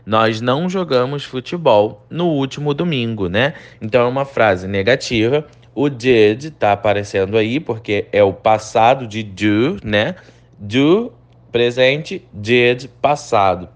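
Brazilian man teaching English grammar. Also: on the low side. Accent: Brazilian Portuguese. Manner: explains step by step, often asks "né?" and "ok?"; reads English example sentences slowly and clearly. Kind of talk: recorded online lesson.

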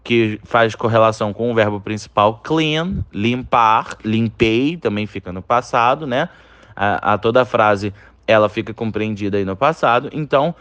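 A man teaching English in a recorded online lesson. He is slow and patient, reads English example sentences very slowly, translates them, and ends phrases with reassuring tags. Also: medium pitch, a bit bright, clear, resonant tone, no room sound.

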